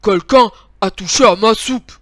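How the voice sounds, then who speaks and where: A woman voicing a big, displeased father bear in a storybook, talking loud and grumbling. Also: medium pitch, unhurried, no echo, clean studio sound, lightly acted.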